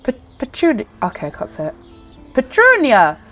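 A woman's voice: a little high, sing-song, moderate pace, soft background music, poor audio. A woman with a nasal, blocked-nose voice from a cold, chatting casually and ramblingly as she hosts gameplay commentary. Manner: chatty, rambling, self-interrupting. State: congested with a cold. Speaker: gaming video host.

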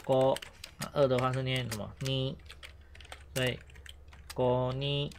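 A man walks beginners through a Japanese lesson at an even, middle pitch. He explains patiently, repeating words and dropping frequent "oh" fillers. Faint noise and keyboard clicks sit behind his voice. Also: unhurried. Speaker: Japanese teacher. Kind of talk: online language lesson.

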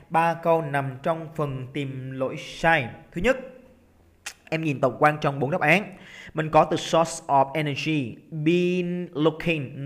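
A man from Vietnam runs a recorded exam-prep lesson with a slightly high voice. He is lively and coaxing, slows right down to draw out each stressed syllable, then speeds back up to check his students are following. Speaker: English teacher. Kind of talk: exam-prep lesson, explaining test answers. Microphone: computer recording while drawing on screen.

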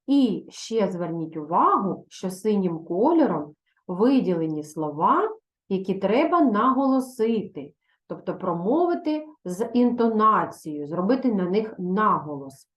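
A woman's voice: medium pitch, big pitch swings, measured pace. A woman teaching a recorded video lesson for young pupils, patient and instructive, reading verse expressively. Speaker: primary school teacher. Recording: echoey room.

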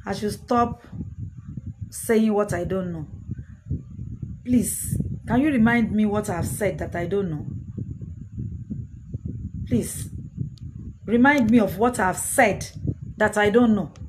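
Speaking slowly with frequent pauses in a medium-pitched voice, a middle-aged Yoruba-accented woman, a native speaker from Ijebu, southwestern Nigeria, comments live on the news. Her casual delivery is emphatic and full of repeated phrases. It's a noisy phone recording made at arm's length in a small indoor room with a curtain, room ambience audible.

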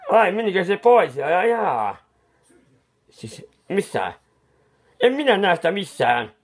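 Brief: a muddled, fussy clown who paints and rambles, pitch swooping up and down, mutters and restarts, as a man acts him out. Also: very animated, breathy edge, exaggerated voice. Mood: fussing. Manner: soothing, scolding someone who cries. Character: bumbling, befuddled male clown painter, fussy and kindly. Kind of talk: comic improvised monologue.

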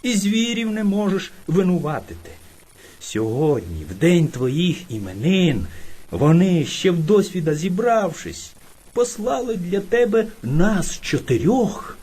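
A woman voicing a timid but cunning little male hare in a folk-tale reading, speaking politely and with flattery. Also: lowish voice, measured pace, breathy edge, exaggerated voice. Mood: fawning. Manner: polite, fawning, sly.

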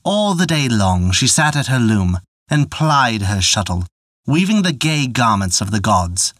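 Guy narrating an old folktale, expressive voice, dead dry mic. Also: mid-range voice, no echo. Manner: measured, expressive storytelling. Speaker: storyteller.

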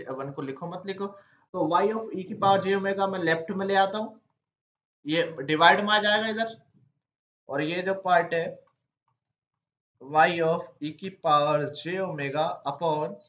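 A man's voice: high-pitched, fairly bright tone, roomy sound, a little hiss or hum. A man teaching an exam-prep lesson, walking through each step by asking himself questions and then answering them.

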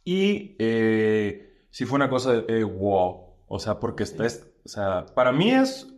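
Slangy comedian with a lively voice. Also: male voice, fairly low pitch, measured pace. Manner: slangy and animated, with lots of fillers. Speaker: stand-up comedian guest. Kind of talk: casual podcast chat.

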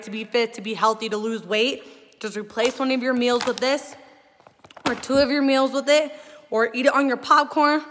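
A young woman gushing in a chatty sales pitch to camera, sometimes talking while she chews. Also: fairly bright tone, big-room sound. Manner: gushing, enthusiastic, talks while chewing. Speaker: host promoting a protein shake.

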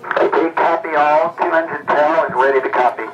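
A man on a radio link from a spacecraft, giving brisk, clipped readbacks. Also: on the high side, fairly even intonation, some chatter behind. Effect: radio transmission from a spacecraft. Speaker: spacecraft crew member. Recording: muffled distant radio feed.

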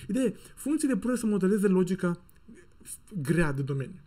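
A man giving a casual technical talk over a video call, joking and animated, with playful sound effects and slang. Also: high-pitched. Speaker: software conference speaker.

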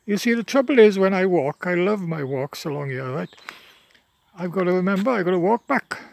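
An expressive Welshman in his seventies, speaking Welsh natively, talks a little fast in a high voice touched with vocal fry, a faint hiss or hum under it. Off-camera with his phone on a rural wetland path, he is tired but chatty, plain-spoken, and prone to fillers and restarts.

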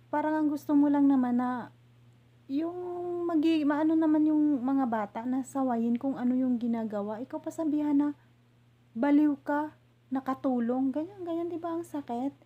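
A woman from the Philippines telling a hurtful story from her job as a domestic helper, in a halting way with many restarts. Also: sits high, husky, phone-quality sound. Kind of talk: emotional personal storytelling.

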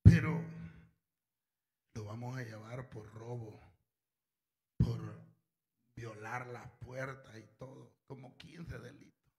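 A man's voice: mid-range voice, fairly even intonation, takes it slowly, pauses often, warm tone, voice pushed down. A stern policeman scolds in a matter-of-fact way, as a preacher acts him out. His tone is dry and unimpressed. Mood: scolding.

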